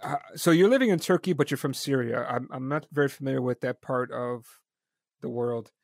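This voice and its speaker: A man's voice: medium pitch, fairly quick, vocal fry, dry recording, studio quality. A man hosting a casual live-stream interview, joking and chatty. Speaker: podcast host.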